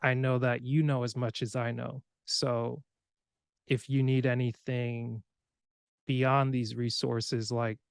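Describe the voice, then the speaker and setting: A young man from Cameroon, raised in the United States, hosting a podcast in a relaxed, rambling way. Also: mid-range voice, slow, vocal fry, clean tone, no room sound, studio quality. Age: young adult. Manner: relaxed, rambling, with filler words and laughs. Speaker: podcast host. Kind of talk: casual conversation.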